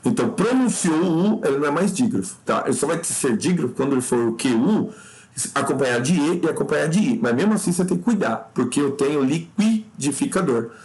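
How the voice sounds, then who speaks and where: A Brazilian man walks through exam questions in a lively teaching voice, his pitch leaping up whenever he hammers home a point. He keeps checking in with the listener and calls them buddy, sounding like a tutor working through a test. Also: quick pace. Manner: explanatory, peppered with "tá?" check-ins and addressing the listener as "cara"; lively pitch jumps when stressing points. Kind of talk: exam review lesson.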